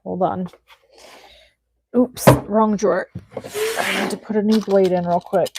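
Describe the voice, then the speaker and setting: A woman's voice: mid-range voice, big pitch swings, a little slow, heavy background noise. A woman in her forties hosting a live crafting stream, chatting casually with viewers and thinking aloud as she works. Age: 40s. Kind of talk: casual chat while crafting.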